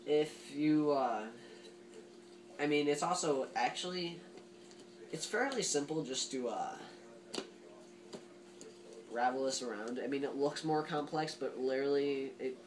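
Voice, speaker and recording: A man's voice: medium pitch, measured pace, long pauses, a little hiss or hum. A man giving a casual, rambling gear review as a reviewer, informal and emphatic with plenty of hyperbole. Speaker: gas mask reviewer.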